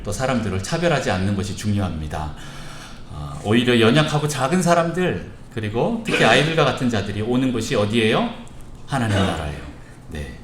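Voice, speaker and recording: Male pastor, animated storyteller for a children's service, roomy church sound. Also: on the low side, slight background noise. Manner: lively storytelling, acting out voices, asking the children questions. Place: church sanctuary. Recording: echoey church hall.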